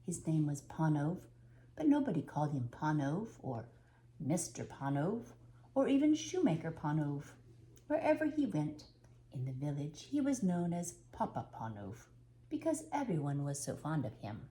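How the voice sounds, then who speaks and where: An older woman with a low voice reads a children's storybook aloud, taking her time, expressive and fond of dramatic pauses.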